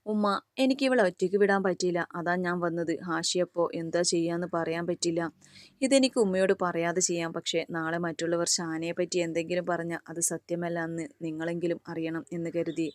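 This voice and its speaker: A woman's voice: fairly low pitch, fairly even intonation, normal speed, no room sound, clean studio sound, natural voice. A woman voicing an earnest, devoted young male college student in a storybook reading.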